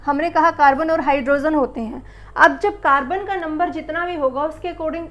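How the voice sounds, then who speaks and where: High-voiced woman teaching chemistry. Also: a bit bright. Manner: asks the class questions and answers them herself; calls the pupils beta and bachche. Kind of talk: classroom lesson.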